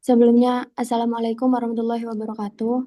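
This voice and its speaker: Young woman student opening her thesis presentation, polite, formal, mellow and pretty flat, high-ish voice. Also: quick pace. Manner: polite and deferential. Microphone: phone on a video call.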